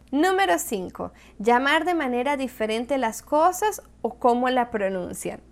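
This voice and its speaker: A woman with a Latin American Spanish accent, a Spanish teacher giving a clear, explanatory video lesson who slows down for example words. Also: high-pitched.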